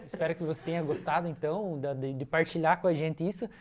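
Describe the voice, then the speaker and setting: A woman's voice: low voice, fast, darkish tone. A woman co-hosting a casual chat show, playful and teasing, often breaking into laughter. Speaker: co-host.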